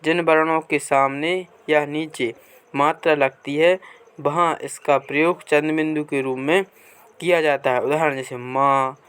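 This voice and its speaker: A man teaching a workbook lesson in a clear, smooth voice pitched a little high. He reads passages aloud at an unhurried pace. He keeps asking his class questions and then answers them himself. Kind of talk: Hindi grammar lesson explaining a workbook page.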